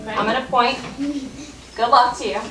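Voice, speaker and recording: An American woman teaching a first grade phonics lesson, patient and encouraging, stretching out words slowly for a child to repeat. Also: on the high side, steady tone, crowd noise. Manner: patient, encouraging, slow drawn-out modeling of sounds. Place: classroom. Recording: echoey room, voice from some distance, noisy.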